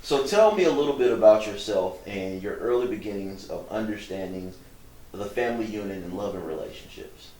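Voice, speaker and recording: A man hosting a talk show, who introduces his guests and asks them questions in measured, formal phrasing. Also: on the low side, lively intonation, a little mellow. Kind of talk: interview hosting. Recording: echoey room, distant mic.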